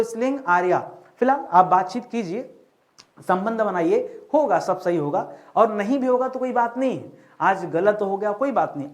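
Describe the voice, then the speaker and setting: Male teacher, higher-pitched voice, exam-prep grammar lesson, repeats questions and slows down on key words. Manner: repeats questions back to the viewers, calling them friends.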